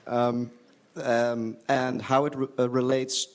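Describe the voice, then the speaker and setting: A man poses a winding, philosophical question from the lecture audience, his pitch sitting at an average level. He stumbles over repeated words and circles back on himself as he talks. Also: flat delivery, takes it slowly, slight background noise. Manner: rambling, philosophical, stammering restarts. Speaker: audience member asking a question.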